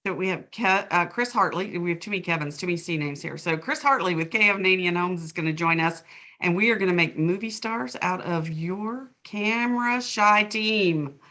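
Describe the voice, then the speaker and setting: A woman with a lowish, sharp-toned voice speaks at a moderate pace while co-hosting a panel webinar over a video call. A management consultant, she keeps the chat casual and chatty, occasionally stumbling over names.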